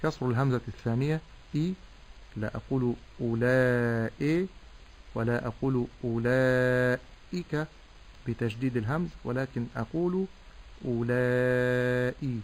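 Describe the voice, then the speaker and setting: Measured Arabic Quran reading teacher. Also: male voice, mid-range voice, darkish tone, poor audio. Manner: measured, demonstrates sounds by drawing out vowels. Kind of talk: tajweed lesson with recitation.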